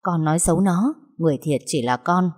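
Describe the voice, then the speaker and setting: A woman's voice: fairly low pitch, fairly quick, a little mellow, husky. A woman voicing a protective, motherly older kitchen aunt who comforts and scolds by turns, in a storybook reading. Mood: firm. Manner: soothing, then firm and scolding. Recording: long hall reverb.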